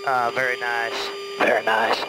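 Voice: mid-range voice, level tone, unhurried. A fighter pilot heard over a pilot headset, giving terse, clipped commentary from the cockpit. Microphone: pilot mask and headset. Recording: loud aircraft noise, pilot headset audio. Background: loud aircraft engine and cockpit noise.

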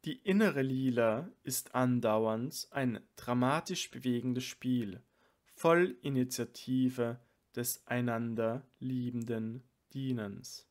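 A man reading an audiobook aloud in a calm, measured narration. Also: medium pitch. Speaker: audiobook reader. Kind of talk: scripted narration.

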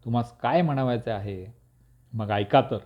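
A man's voice: mid-range voice, moderate pace, natural voice. Guy doing snappy grumpy officer, curt and formal, dull sounding recording. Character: irritable male district officer, haughty then cowed.

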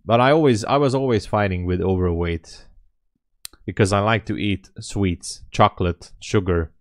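A man's voice: fairly low pitch, normal speed, no room sound, studio quality. A man in his late thirties chatting casually on a live trading stream, rambling and thinking aloud as he answers chat from a small room. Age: 30s. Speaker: day trading livestreamer.

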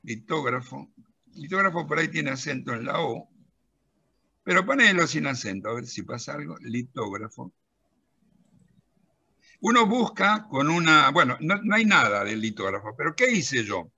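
A middle-aged man with a Rioplatense Spanish accent, animatedly demonstrating software on a video call while telling an anecdote and directing a helper at the screen. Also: a little high, big pitch swings, moderate pace, husky. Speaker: presenter of a pension-law software and magazine.

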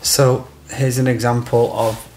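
There's slight background noise as a thirty-something electrician gives a step-by-step, practical product demonstration in a small room of a house. His darkish, mid-range voice holds a level tone at a measured pace.

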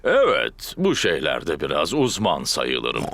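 A man's voice: extremely low pitch, huge pitch swings, slow, vocal fry, very noisy, full character voice. A man voicing a jolly, overconfident father pig in a children's cartoon, pompous but good-natured. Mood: self-satisfied. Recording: music behind the voice.

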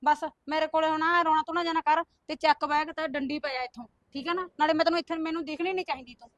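Brief: actress as a bossy sister-in-law, sharp accusing tone, high fast voice, dry close sound. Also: female voice, steady tone, dry recording, highs cut off. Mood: commanding. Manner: accusing, commanding. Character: harsh scolding sister-in-law, domineering. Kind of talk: village short-film drama.

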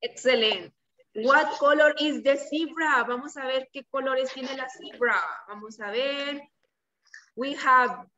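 This young woman, a native Spanish speaker, has little children repeat words in a preschool vocabulary lesson, using slow, simple, encouraging speech like someone addressing a toddler. Her high-pitched voice is pushed and bright, and the video-call audio sounds distant and slightly muffled.

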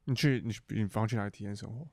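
A man's voice: lowish voice, very fast, a little mellow, no room sound, clean studio sound. Teasing young man, podcast host. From Taiwan. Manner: teasing, blunt questions. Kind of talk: casual interview chat.

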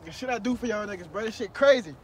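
A man's voice: high-pitched, expressive, fast talker. A young man vlogging casually in agitated, profane slang, distressed with his mouth burning from spicy food. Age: young adult. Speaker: vlogger doing a food challenge. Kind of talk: casual vlog talk to camera. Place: outdoors on stone steps in a park. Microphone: camera held by another person, some distance away. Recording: distant camera mic, faint outdoor noise.

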